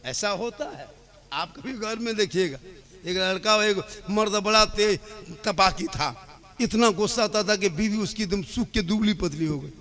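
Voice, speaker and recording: A man preaching a sermon. He tells a long parable and moves between plain speech and fervent sung, shouted invocations. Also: sits high, normal speed. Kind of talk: religious sermon with storytelling. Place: religious gathering.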